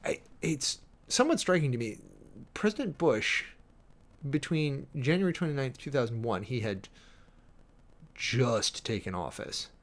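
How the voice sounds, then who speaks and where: This streamer and preacher, a man with an average-pitched voice, reads formal text aloud and annotates it along the way. He is very animated, offering wry, sardonic remarks and shifting from brisk reading to halting, emphatic commentary.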